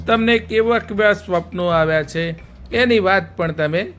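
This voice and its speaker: A man's voice: high voice, measured pace, fairly bright tone. A male storyteller narrating a children's story and speaking directly to young listeners with a moral.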